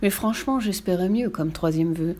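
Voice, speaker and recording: A woman's voice: on the low side, moderate pace, darkish tone, a little hiss or hum, lightly acted. A woman voicing a smug magical genie in a children's story, drawing out his words grandly and sighing. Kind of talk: storybook voice acting.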